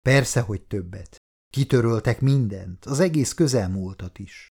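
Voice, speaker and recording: A fragile, unstable wife read by a man who confides secrets in a hushed, low voice. The tone is dark and gravelly. It is a quiet storybook performance. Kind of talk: audiobook character reading.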